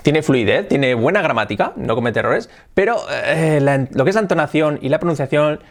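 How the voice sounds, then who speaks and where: A man giving a casual video lesson on English pronunciation. He repeats example phrases slowly and carefully, stretching out the sounds. He checks in with his viewers again and again. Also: a little high, animated. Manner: slow drawn-out demonstrations of phrases, frequent "¿ok?".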